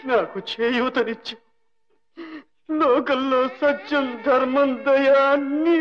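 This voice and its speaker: A man's voice: very high voice, fairly even intonation, takes it slowly. An actor playing an old ruined rich man with leprosy, humble and grief-stricken, speaking tearfully and pleadingly in a film melodrama. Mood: weeping. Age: older. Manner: tearful, pleading, speaks with rising and falling emotion. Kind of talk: 1960s Telugu film melodrama. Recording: dull old film soundtrack with faint music.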